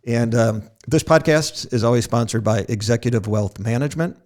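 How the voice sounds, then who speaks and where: Speaking in a mid-range, slightly mellow voice at a moderate pace, the host of a casual podcast conversation trades in self-deprecating stories and chuckles at his own humor.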